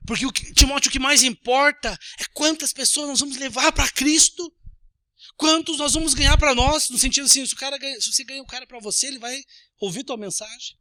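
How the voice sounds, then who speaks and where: Bright-voiced Brazilian preacher man. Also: very high-pitched, a little fast, no room sound, studio quality. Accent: Brazilian Portuguese. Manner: animated, acts out little scenes with changing voices. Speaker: pastor. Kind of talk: sermon.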